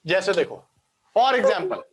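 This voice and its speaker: With a crowd audible behind him, a male biology teacher speaks slowly in a high voice full of big pitch swings. His online lesson proceeds step by step, mixes in English science terms, and includes frequent checks that students understand.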